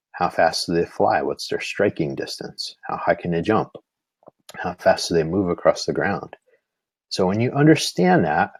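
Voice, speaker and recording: A man's voice: low voice, a little mellow, dry recording. A man giving a live-streamed lesson on bird behavior, explaining patiently with frequent "you know" fillers. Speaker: nature instructor.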